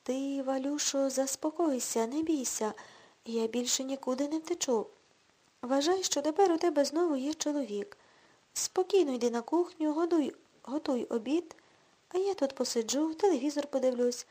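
A woman's voice: sits high, moderate pace, warm tone, lightly acted. A woman reading the lines of a drunken, boastful washed-up middle-aged man who talks in a pushy, self-assured, coaxing way.

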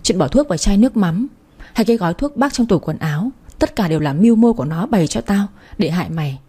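A blunt, harsh elder sister who speaks with open scorn, as a woman narrator plays her. Her voice is husky and dark. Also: medium pitch, lively intonation, quick pace. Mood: bitter confession.

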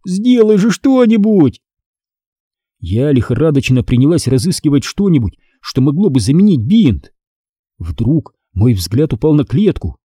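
A man narrates a first-person story aloud with expressive storytelling. His voice is very dark and husky, and it moves lively across a wide range. The read is dry and close to the mic. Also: mid-range voice, dry recording. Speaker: audiobook narrator.

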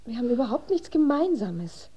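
A woman's voice: on the high side, big pitch swings, brisk, warm tone, breathy edge. An actress playing an anxious, worried mother in a radio play, fretful and pleading.

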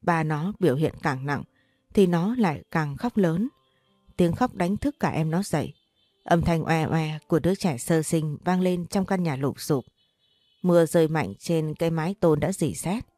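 A woman reading a sad story aloud in a steady, measured way. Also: low voice, no echo. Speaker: narrator. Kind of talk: scripted story narration.

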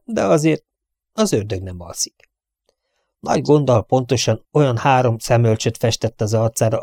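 A man reading a novel aloud as an audiobook narrator, in an even, measured way. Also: lowish voice, no room sound, clean studio sound. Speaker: audiobook reader.

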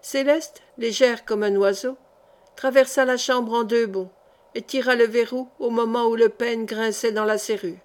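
A woman's voice: fairly high pitch, steady tone, moderate pace. Woman reading a historical novel aloud. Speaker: audiobook narrator. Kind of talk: literary audiobook reading.

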